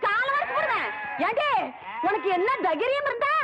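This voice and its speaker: An actress playing a fierce, boastful old village woman who shouts menacing threats in a film comedy scene. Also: very high-pitched, sing-song, moderate pace, heavy background noise. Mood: threatening. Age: older. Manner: loud, menacing taunts in rustic dialect. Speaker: film character.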